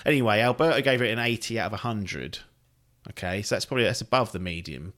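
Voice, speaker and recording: A man's voice: on the low side, quick pace, fairly bright tone. A man hosting a podcast in casual chat, rambling and chatty and swearing freely. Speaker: podcast host.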